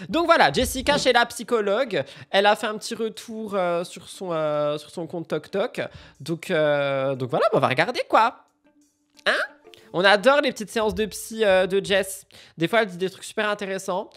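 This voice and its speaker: A man's voice: high voice, expressive, normal speed. A young man hosting a casual live stream, reacting to celebrity news and reading out chat messages, with a chatty, jumpy delivery. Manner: chatty, jumps between loud outbursts and mumbled asides.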